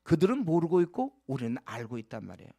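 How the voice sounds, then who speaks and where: A man's voice: fairly high pitch, huge pitch swings, fast talker, vocal fry, dark tone, breathy edge, dry recording, studio quality. A male pastor preaching a sermon, earnestly urging his congregation, with frequent fillers and direct questions to the listeners.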